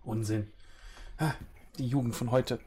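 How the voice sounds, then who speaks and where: A man's voice: mid-range voice, steady tone, a little slow, dark tone, close to an everyday voice. A man voicing a grumpy old woman, a fussy hostess who grumbles in a tabletop game. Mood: grumbling, dismissive.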